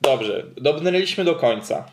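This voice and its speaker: A man co-hosting a podcast, calm and measured, often pausing with fillers. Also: a little high, a little hiss or hum. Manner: hesitant, many fillers, measured. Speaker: podcast co-host. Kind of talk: casual podcast chat.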